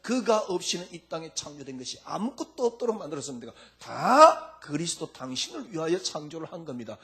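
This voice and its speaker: A male pastor preaching a sermon, firing rhetorical questions at his congregation in an informal, lively way. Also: fairly high pitch, a little fast. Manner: speaks informally and lively in the pulpit.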